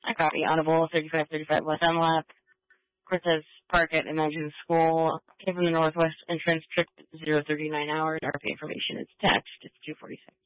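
A man's voice: a little high, completely flat delivery, a little fast, no echo. A man working as a police dispatcher, reading clipped, procedural calls and radio codes over a police radio transmission. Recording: muffled radio channel.

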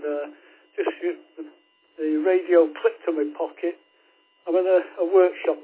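Husky Manchester man over radio. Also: on the high side. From Manchester, England. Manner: relaxed, chatty, hands over with "go ahead". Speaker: amateur radio operator. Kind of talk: casual radio chat. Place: home workshop. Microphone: radio transceiver. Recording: tinny radio transmission.

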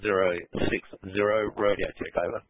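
Deep-voiced man over helmet radio. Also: flat delivery, normal speed, a little hiss or hum. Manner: clipped, formal radio callsign talk. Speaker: emergency crew radio operator. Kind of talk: radio procedure call. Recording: muffled radio transmission.

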